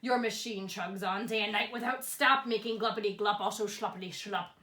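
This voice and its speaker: A woman's voice: medium pitch, fairly quick, a bit bright, reverberant, pitched below the performer's own voice, lightly acted. A woman voicing a grumpy, scolding old storybook creature who speaks in theatrical, indignant and mournful rhyme. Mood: snappy, indignant. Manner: snappy, exclamatory, theatrical rhyming speech. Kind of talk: storybook character voice.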